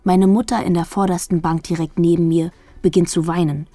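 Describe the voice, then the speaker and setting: A woman narrating a first-person novel as an audiobook, wry and lively. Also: fairly low pitch, brisk, no echo, soft background music.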